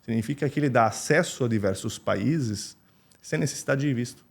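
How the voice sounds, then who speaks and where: A man's voice: mid-range voice, fairly quick, vocal fry. A man whose first language is Italian, a company founder answering interview questions in an explanatory way, with frequent fillers and restarts.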